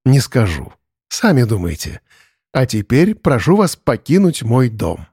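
A man voicing a calm, wise older woman who speaks in a measured, reproachful way in an audiobook. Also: mid-range voice, husky, no room sound, clean studio sound, heavily acted. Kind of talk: audiobook character voice.

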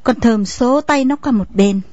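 A woman narrating a story in a steady storytelling manner. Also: fairly high pitch, a little slow, dry recording. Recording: dull lo-fi recording, faint music.

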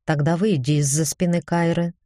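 A woman reading the part of a stern but caring female academy dean in an audiobook, firm and brisk, then gently coaxing. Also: deep voice, fairly even intonation, no room sound, clean studio sound, close to an everyday voice.

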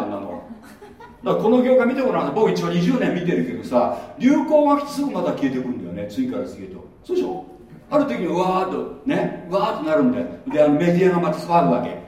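A man's voice: on the high side, darkish tone. A middle-aged male pastor preaching a sermon in a chatty, conversational way, often putting questions to his congregation. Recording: echoey hall, mic far off.

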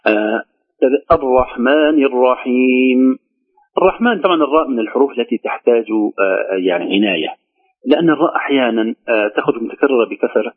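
A man teaching Quran recitation, slowly drawing out each word he demonstrates. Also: medium pitch, lively intonation. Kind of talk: recitation lesson. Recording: tinny phone-line sound.

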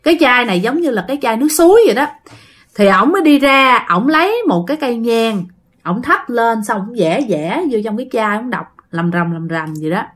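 A woman with a Southern Vietnamese accent tells a ghost story casually and chattily, talking straight to her listeners. Her voice is fairly high, expressive, brisk and fairly bright.

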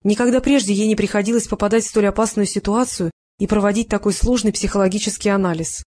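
A woman reads a novel aloud as an audiobook. Her delivery is steady and expressive throughout, with the even pacing of scripted narration. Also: mid-range voice, fast talker.

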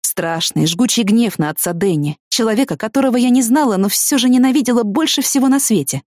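A woman's voice: on the high side, animated, a little fast, a little mellow, no room sound, studio quality. Woman narrating an audiobook. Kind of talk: first-person audiobook narration.

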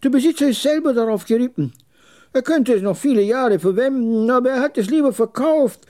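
Man doing a high raspy old camel dealer, haughty, scornful, curt, radio story. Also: brisk, mellow. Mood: boastful. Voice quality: jagged, raspy voice.

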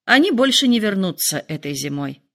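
A woman narrates a story in an expressive audiobook reading. Her pitch moves in a lively, varied way as she tells it. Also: brisk.

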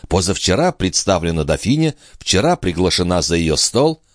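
A man's voice: low-pitched, big pitch swings, moderate pace, dry recording, clean studio sound. A man reading an audiobook, voicing a sensible, lightly mocking female companion. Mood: coaxing. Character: grown woman, the countess's teasing, sensible companion.

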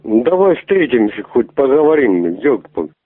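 A man's voice: medium pitch, sing-song, normal speed, husky, no room sound. A man making a crude prank phone call, pushy and rambling, swearing often as he keeps asking to meet. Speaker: prank caller. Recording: tinny phone line.

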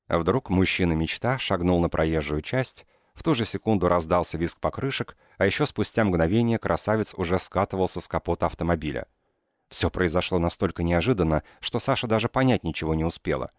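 A male narrator reads an audiobook in a very low voice. His delivery is measured, with a dry ironic edge. The recording is close and dry with no room sound. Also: dry recording. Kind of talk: scripted narration.

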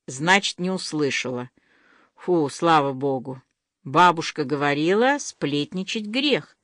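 A woman narrating a story with lively, animated intonation that rises and falls widely. Her voice is close and dry, with no room echo, at a middle pitch. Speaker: audiobook narrator. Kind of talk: expressive audiobook narration.

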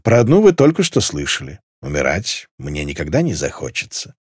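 A man's voice: extremely low pitch, huge pitch swings, brisk, husky, no room sound, pitched below the performer's own voice, full character voice. A man reading aloud voicing a languid, mocking nobleman marshal with a dry drawl. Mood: lazy, mocking.

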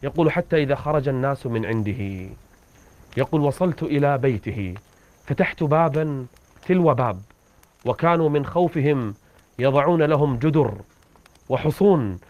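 A man's voice: lively intonation, normal speed, pauses often, a little mellow, dry recording, highs cut off. A man preaching and retelling an old story with dramatic rises in his voice. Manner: dramatic storyteller, rising pitch at tense moments. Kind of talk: religious storytelling sermon.

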